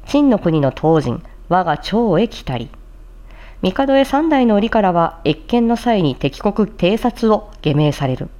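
A woman voice performer hosts a practice show, mixing casual explanation with formal script recitation as she demonstrates and explains tricky phrases with close attention to articulation. Her voice is warm and fairly low in pitch, though the recording sounds muffled.

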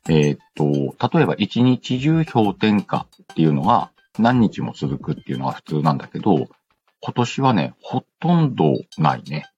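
A low-pitched, slightly mellow male voice with big pitch swings and a moderate pace belongs to the host of a casual radio-style show. He reads listener letters playfully in slang, breaking in with his own asides, while music plays behind the dull, lo-fi audio.

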